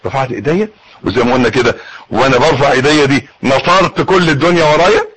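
A man with an Egyptian Arabic accent teaching how to pray, coaxing his listeners and demonstrating each step, with a husky voice. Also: mid-range voice, quick pace, a bit bright, slight background noise, poor audio. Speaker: religious teacher.

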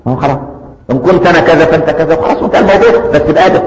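A man's voice: on the high side, racing, darkish tone. A man preaching a sermon with an Egyptian accent, often asking rhetorical questions and answering them himself. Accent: Egyptian Arabic. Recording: echoey hall with long reverb, faint noise.

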